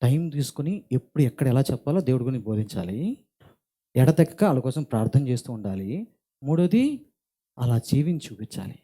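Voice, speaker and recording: A middle-aged man from India, preaching a church sermon in an earnest, deliberate way that builds in intensity. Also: mid-range voice, very animated, warm tone, slightly rough. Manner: earnest, speaks slowly and deliberately, rising in intensity. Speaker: pastor. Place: church hall.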